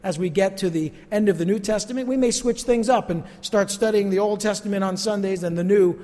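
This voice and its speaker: Speaking briskly in a high-sitting voice with a dark tone, a male pastor teaches an earnest, emphatic sermon. Spanish isn't his first language. The recording carries the reverb of the church sanctuary.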